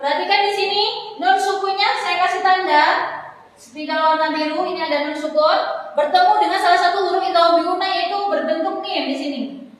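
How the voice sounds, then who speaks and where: A woman teaching Quran recitation, explaining rules patiently and chanting each example slowly several times. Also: very high-pitched, steady tone. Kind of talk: classroom lesson on recitation rules. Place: room in a foundation office, marking a board. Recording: echoey hall, voice far from mic.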